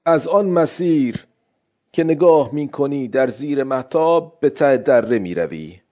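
Matter-of-fact old village man, read by a man, plain and steady. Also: mid-range voice, natural voice. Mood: helpful.

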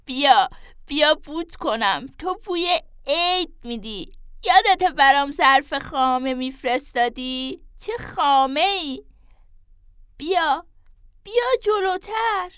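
A woman's voice: high voice, lively intonation, fairly bright tone, dry recording, studio quality. A woman voicing a fussy, tender old woman who pleads affectionately and calls on saints, in an audio story. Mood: coaxing. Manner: affectionate, pleading, with religious exclamations. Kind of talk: audio drama reading.

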